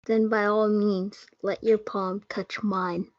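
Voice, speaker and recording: A woman's voice: medium pitch, level tone, takes it slowly, a little hiss or hum, close to an everyday voice. A young woman playing a lovestruck, earnest, yearning young Romeo in a student reader's theatre performance. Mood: smitten. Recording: dull lo-fi audio.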